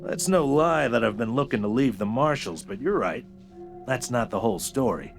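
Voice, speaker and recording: An actor playing a friendly, slick male marshal who talks in a relaxed, joking way. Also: mid-range voice, normal speed, vocal fry. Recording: game audio with music.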